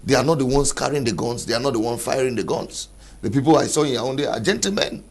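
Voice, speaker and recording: A man arguing his point as a panelist in a studio panel debate, deliberate and argumentative. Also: mid-range voice, gravelly, breathy edge.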